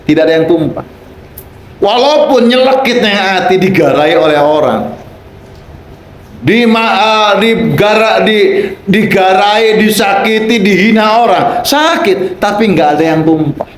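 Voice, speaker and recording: A male preacher delivers a playful sermon in a high voice, acting out small dialogues. His delivery is slow and unhurried. The sound carries a noticeable room echo. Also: expressive, a little hiss or hum. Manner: playful, acts out quoted voices, rising to shouts for emphasis. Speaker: Islamic preacher. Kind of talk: lively sermon with acted dialogues.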